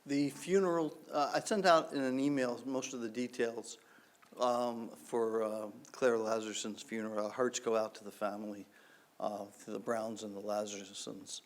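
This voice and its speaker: A man leading a synagogue service, reciting blessings and giving announcements in a relaxed, conversational way with many fillers. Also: fairly low pitch, moderate pace. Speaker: service leader. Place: synagogue sanctuary.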